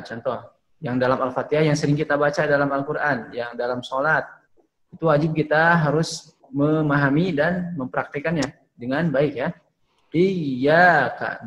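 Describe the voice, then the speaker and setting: A man teaching Quran recitation, explaining letter sounds and modeling slow, drawn-out recitation for his students. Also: a little high, fairly bright tone, highs cut off. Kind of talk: online tajwid class with drills.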